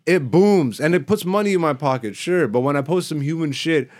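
A stand-up comedian and podcast host, born in Greece and Ethiopian by blood, tells stories in casual, slangy, profane, emphatic talk during an animated podcast chat. His voice sits on the high side, a little mellow, and fairly quick.

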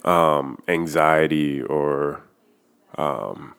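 A man's voice: very deep voice, very slow, vocal fry, fairly bright tone, clear, resonant tone. A man talking casually and candidly about his feelings, filling his speech with "like" and swearing freely. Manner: loose and candid, heavy use of "like", swears freely. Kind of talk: casual personal chat.

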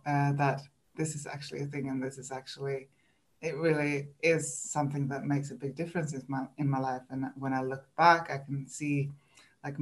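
Her voice is rumbling low as this coach from Sweden, a guest on a podcast, speaks English with a Swedish accent as a second language. In the interview she pauses and restarts thoughtfully, letting out small laughs.

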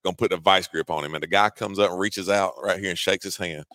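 A man in his forties with a Georgia Southern accent tells a story with folksy, animated energy, laughing at himself along the way. His voice sits fairly low, and the recording is close and dry. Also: fast talker, no echo. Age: 40s. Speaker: co-host. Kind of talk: casual storytelling on a sports talk show.

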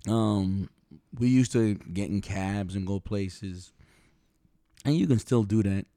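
A man co-hosting a podcast from a home dining room studio, telling animated stories and acting out what others said. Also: fairly low pitch, takes it slowly, no room sound. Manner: storytelling, animated, acts out quotes. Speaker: podcast co-host. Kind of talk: casual chat.

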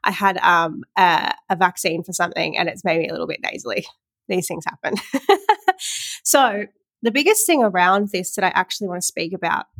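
On a dry recording, a young woman's medium-pitched, slightly nasal and a bit bright voice carries her own podcast. She's a women's empowerment coach streaming live, chatting casually and earnestly on her own, with loose fillers and restarts.

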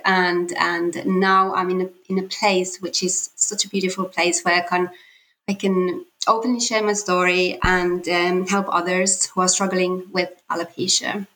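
A woman's voice: fairly low pitch, a bit bright, poor audio. A woman in her forties from Finland with a Finnish accent, a podcast guest telling her story in a hesitant way, with many fillers and restarts. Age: 40s. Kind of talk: casual interview talk.

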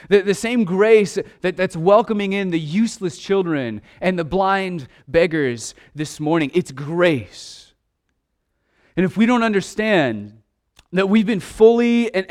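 A man preaching a sermon in an earnest way, stumbling over restarts and at times dropping to a hushed voice. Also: high voice. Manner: earnest preaching with repeated restarts, dropping to a hush for quiet asides. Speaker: pastor.

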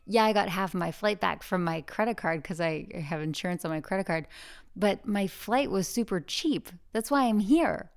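A woman hosting a podcast in casual, chatty talk, recorded alone in a huge, high-ceilinged room with lots of echo on a portable travel mic. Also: lively intonation, normal speed. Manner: chatty and bubbly, jokey asides. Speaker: podcast host. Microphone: portable travel microphone.

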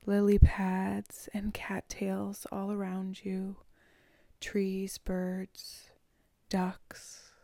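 Slow whispering meditation guide, a woman. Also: mid-range voice, monotone, gravelly, no room sound, studio quality. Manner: slow, soft and soothing, often whispered.

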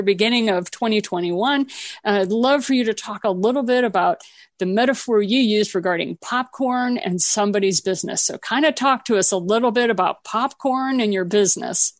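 A woman's voice: medium pitch, no echo. Velvety-voiced woman podcast host, close and dry. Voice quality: velvety, soothing voice. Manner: long-time radio presenter's delivery. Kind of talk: hosting an interview show.

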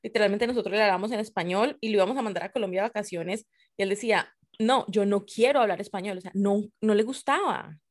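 Expressive woman telling an anecdote. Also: mid-range voice, fast, hardly any pauses. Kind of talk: casual conversation.

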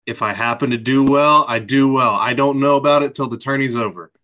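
Bright-voiced laid-back podcast host. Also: male voice, mid-range voice, a little fast, highs cut off. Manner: laid-back, laughs easily. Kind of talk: casual podcast chat.

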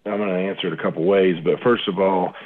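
Low husky man on a tinny phone line. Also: steady tone, quick pace. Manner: conversational, many fillers and restarts. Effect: speaking over the phone. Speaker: agricultural market analyst. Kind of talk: radio interview answers.

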